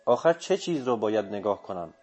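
A man reading a first-person story aloud in a steady, measured narration. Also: fairly low pitch. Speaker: audiobook narrator. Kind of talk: scripted literary narration. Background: faint music.

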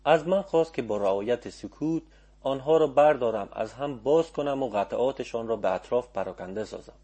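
A man narrating an audiobook in a calm, measured storytelling manner. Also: medium pitch, husky.

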